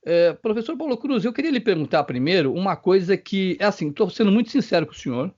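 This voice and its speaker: A man's voice: sits high, very animated, fast talker, a little mellow. An older man hosting an interview, asking rambling, hesitant questions full of restarts. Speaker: interview host. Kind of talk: casual interview conversation. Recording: slightly dull, lo-fi recording.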